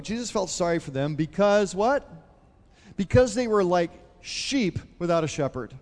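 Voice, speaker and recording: A man's voice: fairly high pitch, darkish tone. A male pastor giving a conversational sermon, retelling a Bible story and asking the congregation questions. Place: church hall. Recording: long hall reverb.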